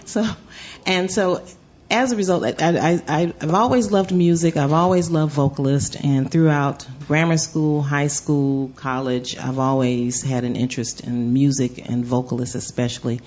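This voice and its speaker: A woman's voice: sits low, fairly even intonation, unhurried, darkish tone. A woman from Chicago, a jazz vocalist, telling stories in a live radio interview at a venue. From Chicago, United States. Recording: slightly dull lo-fi sound.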